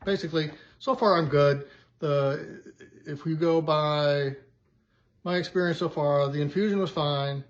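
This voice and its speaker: A man's voice: on the high side, measured pace. A man chatting in a casual video diary, upbeat and rambling as he shows things off. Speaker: vlogger. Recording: dull lo-fi sound with faint background hiss.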